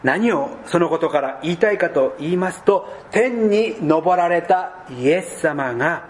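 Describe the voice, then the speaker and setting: A man preaching a sermon as pastor, speaking deliberately and dropping to soft, low tones at key points. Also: animated, a little hiss or hum.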